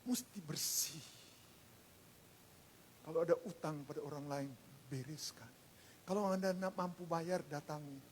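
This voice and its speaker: A male pastor preaching a sermon at a church service, dropping to hushed asides and rising to shouts. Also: on the high side, fairly even intonation, normal speed, slight background noise. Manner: swings between hushed asides and shouted exclamations.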